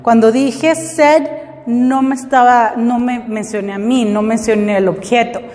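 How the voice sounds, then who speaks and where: A woman's voice: fairly high pitch, steady tone, unhurried, a little mellow, long reverb tail. A woman teaching English, explaining step by step and often checking that her students follow. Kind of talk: classroom lesson.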